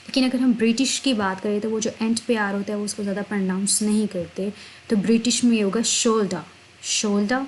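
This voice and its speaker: A woman teaching vocabulary, explaining each word in Hindi and repeating it slowly twice. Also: mid-range voice, fairly even intonation, darkish tone, slight background noise, low-quality recording. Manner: slow, drawn-out spelling of words, repeats each word twice. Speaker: English teacher.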